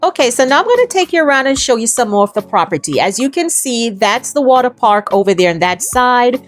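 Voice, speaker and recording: Jamaican lady vlogging, chatty, calls everyone guys, middle-aged, soft music behind. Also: a little high, sing-song, a little fast. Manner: chatty, addresses viewers as guys. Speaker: travel vlogger. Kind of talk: casual travel vlog narration.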